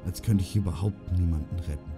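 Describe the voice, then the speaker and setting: A man's voice: deep voice, a little fast, music in the background. A man voicing an earnest, grieving young king in an audiobook, speaking in a subdued way.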